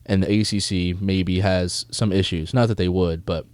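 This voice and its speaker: Smooth-voiced, animated young man. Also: low-pitched, moderate pace, dry recording, studio quality. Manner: animated, tells anecdotes, swears casually. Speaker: podcast co-host. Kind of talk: casual sports talk.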